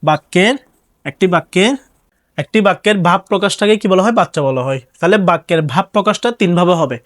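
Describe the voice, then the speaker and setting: A man's voice: sits high, quick pace, a bit bright. A young man teaching an exam-prep grammar class. He explains step by step, repeats his phrases, and asks and answers his own questions.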